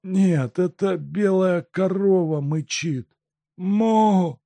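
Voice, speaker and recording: A man reading aloud and voicing a delirious asylum patient who mutters slowly in a broken, whispery way. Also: high voice, vocal fry, warm tone, no echo, voice pushed up, heavily acted. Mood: raving. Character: delirious madman, haunted sick husband.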